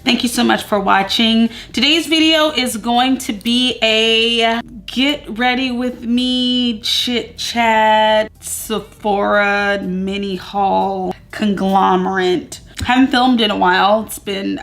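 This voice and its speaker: A woman's voice: a little high, slow, a bit bright. A woman in her thirties talking through a casual get-ready-with-me vlog at home, upbeat and rambling with plenty of fillers. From Southern US. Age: 30s. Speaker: beauty vlogger. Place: at home among moving boxes.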